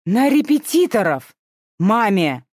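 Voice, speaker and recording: A woman's voice: mid-range voice, very animated, normal speed, darkish tone, no echo, studio quality, pitched above the performer's own voice. A woman voicing an exasperated young woman scolding her younger sister in an audiobook. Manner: stern, scolding.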